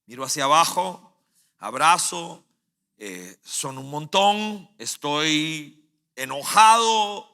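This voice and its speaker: A male pastor preaches with vivid storytelling. His voice is high for a man and very bright and forceful, and he swings from loud bursts to hushed, low phrases. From Costa Rica. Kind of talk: sermon.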